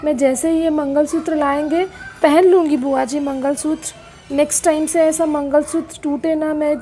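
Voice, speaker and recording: A woman's voice: high-pitched, fairly even intonation, normal speed, a little hiss or hum, natural voice. Woman doing a meek apologetic young bride. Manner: soft, apologetic. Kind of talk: doll-play soap drama.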